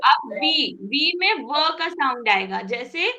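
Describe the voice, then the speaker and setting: A woman teaching an online English phonics class, patient and encouraging, repeating each sound slowly for her students. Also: high-pitched, expressive, pushed and bright.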